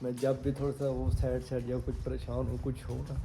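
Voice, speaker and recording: A man's voice: medium pitch, completely flat delivery, vocal fry, background noise. A man hosting his vlog in a chatty, upbeat way, talking straight to his viewers while walking outdoors at night. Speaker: vlogger and channel host. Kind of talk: casual vlog chat.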